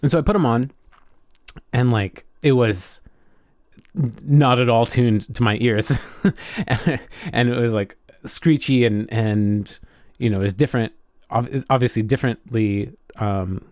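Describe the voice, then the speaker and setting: A podcast co-host talks casually in a mid-range, darkish voice, thinking aloud and often halting to restart his sentences. The sound is clean and studio-dry, with no room noise.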